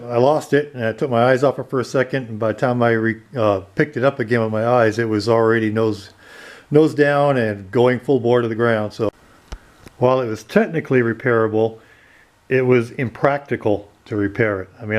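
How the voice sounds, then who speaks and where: A man giving a casual tour of his basement workshop and talking through a model plane rebuild, rambling and correcting himself as he goes. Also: mid-range voice. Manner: rambling, self-correcting, matter-of-fact. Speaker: RC plane hobbyist.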